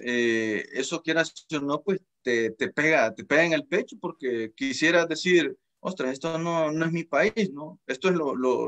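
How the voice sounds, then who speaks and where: A man from El Salvador, a guest in a casual panel chat over a video call, speaking hesitantly with frequent pauses to find his words. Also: mid-range voice, a bit bright. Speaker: guest commentator.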